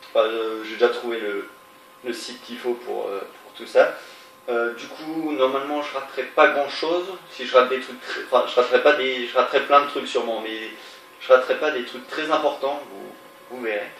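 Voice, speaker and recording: Here a let's-play gamer talks casually through his game, his nose stuffy from a cold, his commentary rambling and hesitant with frequent fillers and restarts. The medium-pitched voice has fairly even intonation, normal speed and a slightly bright quality, plus a little hiss or hum. The mic is distant, the sound roomy, and game music runs underneath.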